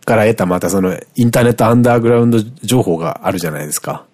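A man hosting a casual podcast chat, animated and joking as he talks. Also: fairly low pitch, no room sound. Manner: animated, joking, fast-talking. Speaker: podcast host.

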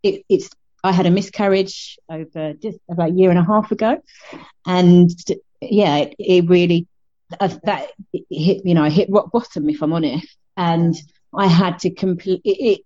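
A middle-aged woman with a South London accent, chatting casually as an interview guest in a halting, self-interrupting way over a muffled remote call. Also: lowish voice, dark tone, no echo. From South London, England. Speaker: fitness instructor, interview guest.

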